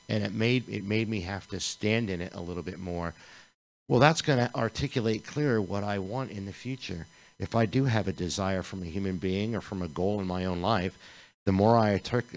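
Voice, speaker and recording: Deep-voiced man giving a rambling sermon. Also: poor audio. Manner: rambling, earnest, restarts often. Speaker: speaker at a spiritual community service. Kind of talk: informal sermon. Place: live-streamed community gathering.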